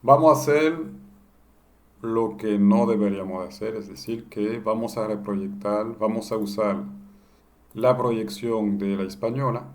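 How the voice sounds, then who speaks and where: A man teaches a screen-recorded software lesson. His voice sits fairly low and sounds soft and mellow. He explains each step and often asks a question before answering it himself. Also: flat delivery, unhurried. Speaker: instructor.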